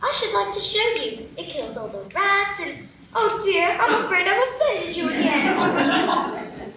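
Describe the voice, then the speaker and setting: A woman's voice: very high voice, animated, unhurried, very noisy, exaggerated voice. A woman voicing young Alice, a curious, polite girl who chats and apologises, in a live radio play. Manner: wondering, apologetic, chatty. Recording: roomy echo from far off.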